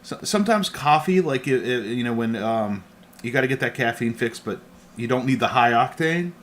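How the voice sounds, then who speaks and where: A man's voice: mid-range voice, animated, moderate pace, a little hiss or hum. A man co-hosting a casual podcast from a home studio, rambling and laughing often. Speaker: podcast co-host.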